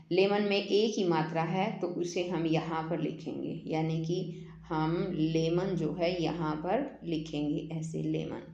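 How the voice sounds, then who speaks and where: Slow, patient woman teacher, echoey. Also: on the low side, darkish tone. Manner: patient, step-by-step, asks children questions. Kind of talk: workbook lesson for children. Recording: echoey room, dull lo-fi sound.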